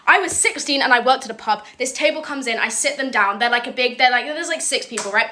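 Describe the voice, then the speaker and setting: A woman's voice: sits high, fast talker. A young woman telling a casual storytime, swearing freely and tagging lines with "right?". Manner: swears freely, animated, keeps asking "right?".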